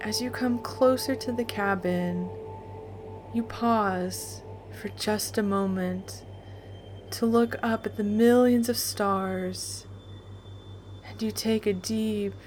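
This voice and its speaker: A woman narrating a guided meditation in a calm, soothing, deliberate way with long pauses. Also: medium pitch, a little hiss or hum. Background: music.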